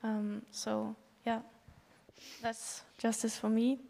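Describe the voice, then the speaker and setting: Flat, slow, shy woman. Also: a little high, vocal fry, big-room sound.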